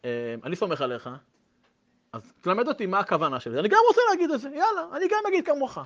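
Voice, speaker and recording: A man's voice: high voice, sing-song, pitched above the performer's own voice. A man voicing an earnest, puzzled middle-aged man who hesitates and asks questions, in a dull lo-fi recording.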